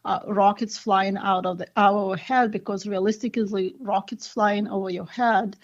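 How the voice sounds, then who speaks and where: Interview guest: woman from Ukraine, earnest, hesitant, mid pitch, slightly dull audio. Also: steady tone, normal speed. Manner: earnest, hesitant with many fillers. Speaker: doctor and advocate, interview guest. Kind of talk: conversational interview.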